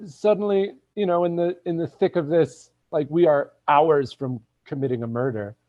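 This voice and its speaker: A man's voice: a little high, normal speed, no echo, muffled recording. A man, an actor, chatting casually over a video call, telling stories with animation.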